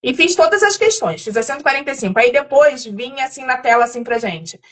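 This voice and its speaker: Chatty high-voiced woman host. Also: fast. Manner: chatty and lively. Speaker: host of a nursing channel. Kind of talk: casual live chat.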